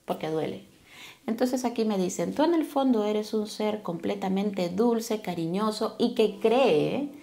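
A woman's voice: mid-range voice, vocal fry, a little mellow. A woman reading tarot cards for her viewers, speaking affectionately and tagging her sentences with little questions. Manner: affectionate, with frequent tag questions. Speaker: tarot card reader.

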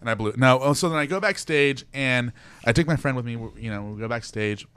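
A young man tells excitable stories at a quick clip as a guest on a casual radio show. His voice is bright and crisp. The sound is dry and close. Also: medium pitch, dry recording. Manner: animated, excitable storyteller. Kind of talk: casual radio interview storytelling.

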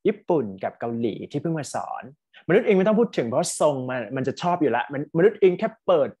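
A man's voice: fairly high pitch, animated, dark tone, breathy edge. A man teaching at a university, giving casual spoken feedback to a student over an online class and dropping English words into his talk. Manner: quick, chatty, mixes English words into speech. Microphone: online class call.

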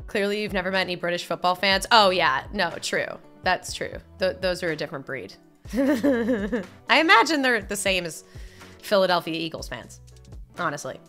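Blunt young woman from upstate New York, casual streamer chat, bright voice, faint music behind. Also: on the low side, expressive, moderate pace, long pauses. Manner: blunt, candid, swears casually. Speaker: live streamer. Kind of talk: casual live-stream chat, reading viewer messages.

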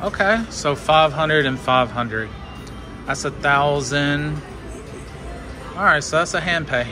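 A man's voice: on the high side, takes it slowly. A man giving casual live gambling commentary, coaching in short bursts, counting along and urging the game on. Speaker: slot machine vlogger coaching a friend. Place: indoor casino floor at a slot machine. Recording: music playing in a busy casino. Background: loud casino machine music.

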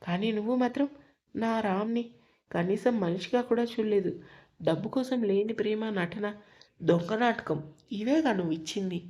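A woman's voice: medium pitch, moderate pace, warm tone, lightly acted. A woman voicing a furious young wife in a storybook reading, menacing and cold as she threatens her in-laws.

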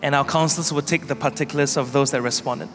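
A male pastor at a pulpit microphone, leading a prayer and preaching in short measured phrases with pauses for an interpreter. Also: on the high side, steady tone, fairly bright tone, a faint crowd. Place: large church hall. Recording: long hall reverb with music behind. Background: instrumental music.

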